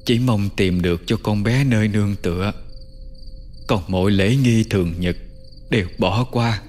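A man voicing a poor, weary old mother in a forest hut, speaking low and quietly in a folk tale. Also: a little slow, soft background music. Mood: gentle.

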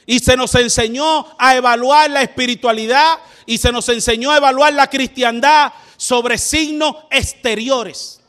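A man preaching a sermon, asking rhetorical questions and building up to shouted, fervent passages. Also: extremely high pitch, fairly even intonation, a little slow, few pauses.

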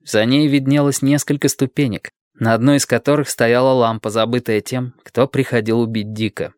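Steady male audiobook narrator, dry sound. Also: mid-range voice, normal speed, no room sound. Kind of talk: scripted narration.

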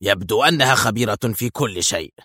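A man voicing a stern male commander in an audiobook, speaking curtly in a lowered voice. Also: expressive, fast talker, pushed and bright, no echo, clean studio sound. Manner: stern, curt.

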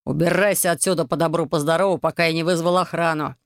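A reader voicing a furious, frightened middle-aged man who shouts and spits insults, read as an audiobook character. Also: fairly high pitch, fairly even intonation, quick pace, no room sound, clean studio sound, natural voice. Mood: shaky.

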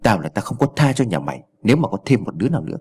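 An arrogant old village chief snarls threats and insults, voiced by a man reading a storybook. The voice is husky and low, and it lurches up and down with wide swings. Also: very animated, racing, darkish tone, exaggerated voice. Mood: furious.

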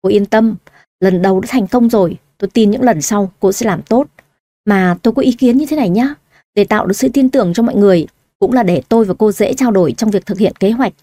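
A woman voicing a young male company director who is calm, scheming and persuasive. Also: mid-range voice, fast, no echo, studio quality, lightly acted.

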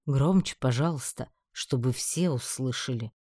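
An actor playing a scheming emperor who speaks slowly, mocking and menacing. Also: male voice, medium pitch, darkish tone, husky, no echo, clean studio sound. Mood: cold mocking. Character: cold, scheming male emperor, middle-aged. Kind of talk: audiobook character voice.

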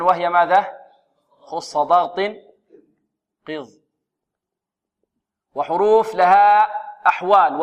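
A man teaching a Quran recitation class, drilling letter sounds and asking his students questions that he then answers himself. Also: high voice. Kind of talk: tajweed lesson.

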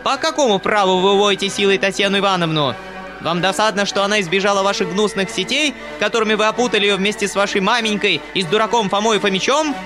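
A man voicing a shrill, furious, domineering noblewoman who scolds and shrieks at everyone. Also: quick pace, music in the background, lightly acted. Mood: shrieking fury.

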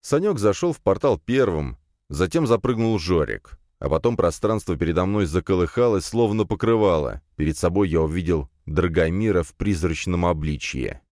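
A man narrating a fantasy audiobook in an expressive, lively reading style. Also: deep voice, normal speed, hardly any pauses, dry recording, clean studio sound.

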